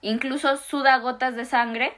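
A young woman with a Mexican accent retells Bible stories casually during a faith discussion, tossing in slangy, animated asides. Her voice is high-pitched and her pace a little slow.

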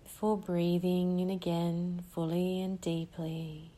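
A woman leading a guided breathing meditation, speaking in a slow, soothing way with long pauses between phrases. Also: on the low side, level tone, mellow.

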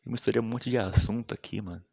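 A young man with a fairly low voice delivers a casual, rambling monologue. He swears freely, uses lots of slang, and often lets his sentences drop off into a mumble. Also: steady tone, fast, gravelly, breathy edge. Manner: slangy, profane, rambling, often trails off quietly.

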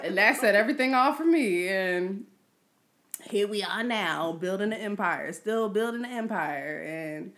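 A woman chatting candidly and bluntly, with frequent swearing and laughter, her pace speeding up and slowing down. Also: medium pitch, lively intonation, fairly bright tone. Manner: frank and profane, laughs often, pace shifts. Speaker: podcast guest sharing her work. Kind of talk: candid casual chat.

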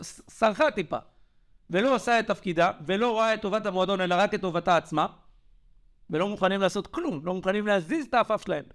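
Young guy on a podcast, pretty high voice, fired up and emphatic, venting about a bad incident. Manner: agitated, emphatic storytelling. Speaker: podcast co-host. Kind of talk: heated podcast monologue.

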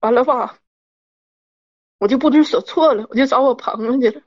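High-voiced woman. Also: moderate pace. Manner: rambling, repeats herself, worked up. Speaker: caller. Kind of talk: telling a personal story. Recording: dull lo-fi audio.

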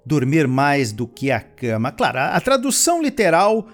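A man teaching English vocabulary in a lesson, chatting casually in his explanations and slowly modelling sentences for learners to repeat, with playful asides. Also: on the high side, huge pitch swings, faint music behind. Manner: switches between chatty explanations and slow, careful model sentences. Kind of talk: language lesson with repeat-after-me drills.

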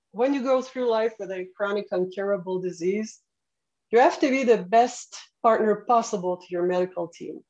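A woman's voice: mid-range voice, darkish tone. A woman in her late forties with a French Canadian accent, giving earnest answers as an interview guest. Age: late 40s. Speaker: podcast guest, patient partner. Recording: slightly dull, narrow-band sound.

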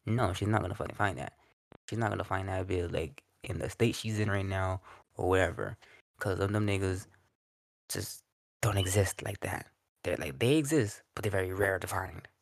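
A man rambles and restarts his sentences as he makes his point. His voice is low and gravelly. The mic is dry and close. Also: dry recording. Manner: rambling, halting, repeats words. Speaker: podcast co-host. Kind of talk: casual chat.

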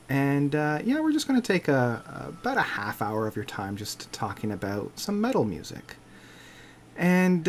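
A man from Canada co-hosts a relaxed, casual podcast in a halting, unhurried way. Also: medium pitch, a little hiss or hum. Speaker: podcast co-host.

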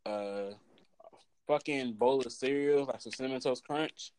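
A man's voice: mid-range voice, unhurried, darkish tone, clean tone. A man with an American accent hosting a casual, profane chat full of slang, talking as if among friends. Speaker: podcast host.

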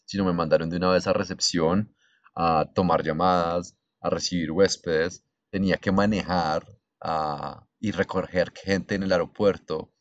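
Deep-voiced Colombian man, casual. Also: fairly even intonation, measured pace, no room sound, highs cut off. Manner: laid-back storytelling with crude slang. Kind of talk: casual chat.

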